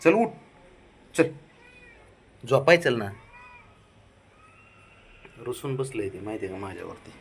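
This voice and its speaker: A man in a home pet vlog pleads with his cat in doting baby talk. His mid-pitched voice swoops up and down in a lively, sing-song way, and he repeats the same gentle pleas again and again. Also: unhurried, vocal fry, long pauses, breathy edge. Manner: repeats soft pleading commands. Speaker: cat owner vlogger.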